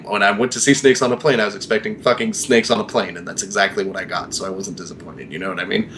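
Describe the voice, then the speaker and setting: A man's voice: fairly low pitch, a little hiss or hum. A man in his mid-twenties chatting casually on a podcast, rambling with lots of fillers and swearing freely. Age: 20s. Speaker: podcast co-host. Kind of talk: casual chat.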